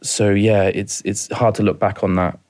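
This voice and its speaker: On a podcast, a guest in his thirties from rural mid Wales shares a painful personal story in a Welsh accent. His lowish, darkish voice stays flat, and he halts and repeats words as he goes.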